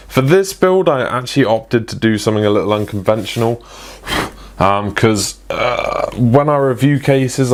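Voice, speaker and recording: Low-voiced man reviewing tech. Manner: chatty, many ums and restarts. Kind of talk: casual product review.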